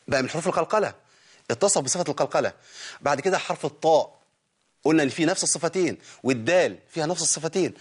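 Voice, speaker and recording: Quick-talking Egyptian man teaching recitation. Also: mid-range voice. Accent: Egyptian Arabic. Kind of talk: spoken Tajweed lesson.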